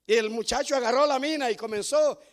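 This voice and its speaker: Brief: a male pastor, high-pitched, storytelling sermon style with emphatic crescendos. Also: fast. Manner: storytelling preacher, repeats "hermano", builds to loud emphatic peaks. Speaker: founding pastor.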